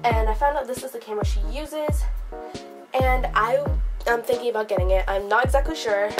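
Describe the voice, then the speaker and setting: A chatty young girl talks to her viewers in a loose, giggly way, full of little fillers. Her voice sits a bit high, and clear music plays along underneath. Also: brisk. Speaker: vlogger. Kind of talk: casual chat to camera.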